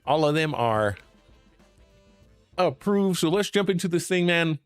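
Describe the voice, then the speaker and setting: A man's voice: on the high side, animated, unhurried, smooth, dry recording, faint music behind. Laid-back streamer guy, dry sound. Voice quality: laid-back, chatty, laughs often. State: losing his voice. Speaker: streamer host. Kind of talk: casual gaming stream chat.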